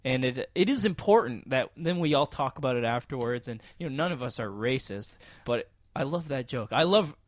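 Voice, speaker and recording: A man's voice: mid-range voice, lively intonation, fairly quick, few pauses, no room sound, studio quality. A man co-hosting a podcast, talking in an enthusiastic, emphatic way in casual chat. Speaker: podcast co-host.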